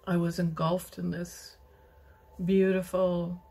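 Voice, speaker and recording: Slow, gravelly, husky woman. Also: on the low side, little pitch movement, warm tone. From British Columbia, Canada. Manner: slow, halting, emotional, many "um"s and restarts. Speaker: interviewee. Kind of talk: personal testimony.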